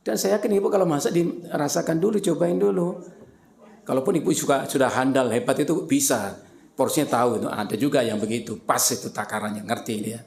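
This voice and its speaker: A man's voice: medium pitch, a little fast, vocal fry, a little mellow. A male preacher giving a playful, conversational sermon to women, speaking to them directly. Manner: joking, playful, addresses listeners directly. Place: mosque. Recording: roomy echo.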